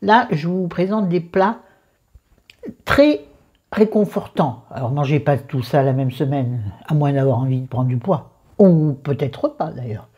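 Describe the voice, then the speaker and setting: A woman's voice: deep voice, animated, normal speed, slightly rough, muffled recording. A woman casually walking viewers through a recipe, chatty and digressive, with joking asides to herself. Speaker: cooking vlogger.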